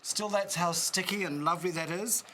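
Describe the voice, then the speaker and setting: A man's voice: high-pitched, moderate pace, bright, forceful tone, a little hiss or hum. A man with a New Zealand accent demonstrating a recipe on a cooking show, chatty and instructive with joking asides.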